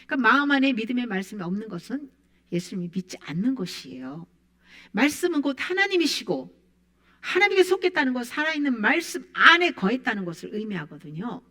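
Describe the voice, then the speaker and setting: A woman's voice: high-pitched, a bit bright. A woman preaching a sermon, quoting scripture with emphatic rises and falls. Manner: emphatic, rising and falling preaching voice.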